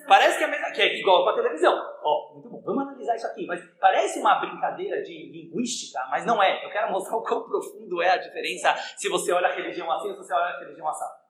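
A male rabbi leads a class, his high voice leaping up and down as he quizzes the room. He talks quickly, and the recording rings with the echo of the hall. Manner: animated, questions the listeners. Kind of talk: lively religious lesson. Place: room with a live audience. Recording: echoey room.

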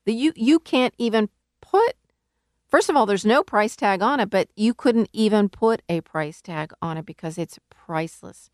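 A woman's voice: mid-range voice, expressive, moderate pace, no room sound, clean studio sound. A woman preaching a sermon in an earnest, emphatic way, working through scripture. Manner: earnest, emphatic, rises to calling out. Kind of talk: sermon teaching.

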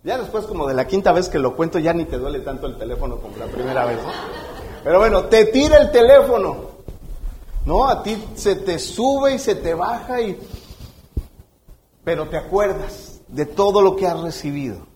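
A man's voice: a little high, sing-song, moderate pace, darkish tone, slight background noise, low-quality recording. A man with a Mexican accent preaching a sermon as pastor, talking conversationally and acting out scenes.

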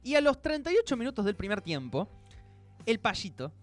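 High, lively Argentine man presenting football. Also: normal speed, faint music behind. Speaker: sports radio show presenter. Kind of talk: conversational football nostalgia segment.

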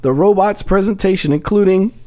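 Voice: medium pitch, brisk. A podcast co-host, reading a news story aloud in casual banter and breaking into jokes and laughter. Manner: reads a news story aloud with joking asides; animated, laughs through the telling.

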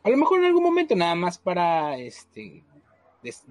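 Male podcast host, slightly high pitch, halting delivery with fillers, dry recording. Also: wildly swooping pitch, dry recording, muffled recording. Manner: hesitant, many fillers. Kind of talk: casual chat.

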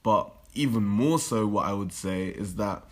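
A young man in a casual debate, explaining his view in a halting, informal way. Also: lowish voice.

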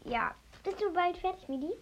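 Young girl hosting, really high voice, chatty, bit of background noise and clicking. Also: expressive, moderate pace. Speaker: host of a kids' challenge show. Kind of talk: casual chat to listeners. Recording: noisy home recording with clicks.

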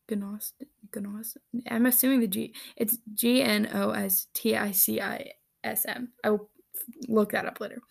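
A woman vlogging on her own, reading answers aloud and reacting with giggles and quick asides. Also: fairly high pitch, vocal fry. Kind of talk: casual solo chat.

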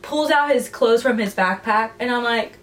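A young woman co-hosting a casual podcast, retelling a book plot in an animated, chatty way. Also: on the high side, moderate pace. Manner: chatty, animated storyteller who acts out quotes. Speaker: podcast co-host.

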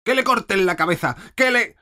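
A man voicing a furious, shrill queen of cards who shrieks orders. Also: animated, brisk, sharp tone, heavily acted. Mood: imperious. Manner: shrieking, imperious commands.

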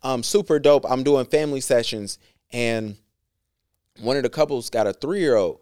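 Laid-back man, smooth dry voice. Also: medium pitch, normal speed, no echo. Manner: laid-back slang, frequent "um" and shout-outs. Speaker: podcast co-host. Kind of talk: casual podcast chat.

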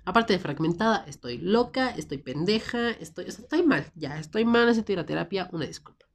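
A woman's voice: lowish voice, expressive, fairly quick. A woman with a Mexican Spanish accent hosting a casual solo podcast, rambling and self-mocking, with a cold and a sore throat. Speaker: podcast host.

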